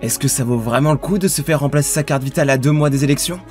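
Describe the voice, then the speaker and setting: A man's voice: medium pitch, fast talker, darkish tone, soft background music, lightly acted. A man voicing an exasperated anime fighter in a comic improvised dub, muttering slangy asides. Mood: deadpan commentary.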